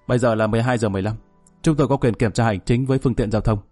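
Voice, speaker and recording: A man's voice: medium pitch, racing, a little mellow, no room sound, soft background music, close to an everyday voice. A man voicing a curt, officious police officer. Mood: stern.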